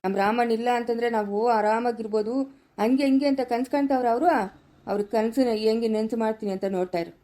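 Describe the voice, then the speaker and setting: A woman's voice: fairly high pitch, fast, warm tone, natural voice. A woman with a Chikkaballapura-area Kannada accent voicing a stern older village man who comforts and commands, vowing revenge, in a family village drama. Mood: grim. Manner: commanding, reassuring, threatening.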